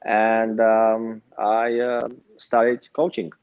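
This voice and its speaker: A man's voice: lowish voice, monotone, drawn-out words, clear, resonant tone, no room sound. Romanian accent guy, lots of uhs, dull dry lo-fi sound. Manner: hesitant, many filler sounds. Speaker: guest, pickleball pro. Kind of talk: casual interview chat.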